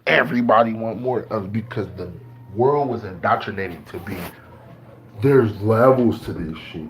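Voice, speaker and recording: Talking straight to camera, an Ohio beatmaker rants casually, slangy and loose, pushing his opinions like a sermon. He speaks at a moderate pace in a fairly low voice over a noisy background.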